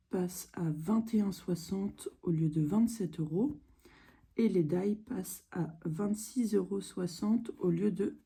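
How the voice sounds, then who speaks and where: Slow, dark-voiced French woman reading prices. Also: medium pitch, slightly rough. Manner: slow, methodical, reads out prices with fillers. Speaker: craft product demonstrator. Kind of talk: casual video walkthrough of catalogue prices.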